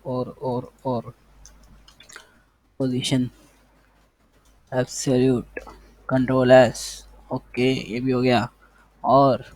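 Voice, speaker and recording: Male coding tutor, medium pitch, monotone delivery, casual think-aloud style. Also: no room sound. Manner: thinks aloud while typing, repeats words, talks to the code. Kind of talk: casual screen-share coding lesson.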